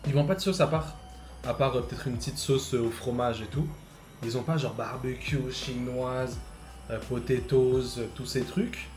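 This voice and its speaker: A young man, animated, tasting fast food in a casual vlog and swearing loudly at bad food. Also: medium pitch, over music, rough recording. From Switzerland. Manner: animated, loud bursts of disgust, swearing. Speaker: food vlogger.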